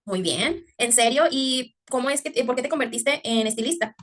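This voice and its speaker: In an online class taught in Spanish, a woman teacher explains English grammar, often checking in with a quick "ok?". Her voice is fairly high, bright, and animated, and she slows down to exaggerate English pronunciation.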